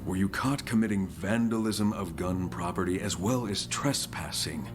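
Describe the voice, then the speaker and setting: A man playing a stern, icy older military commander in an audio drama, measured and authoritative. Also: low voice, lightly acted. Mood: stern, cold. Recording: music bed under the voice.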